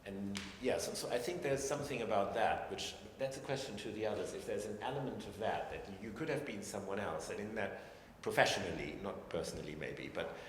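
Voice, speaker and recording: This panel scientist has a lowish voice and talks briskly with few pauses, though he's reflective and hesitant, restarting many times. The large hall gives long reverb and faint ambience, with slight background noise.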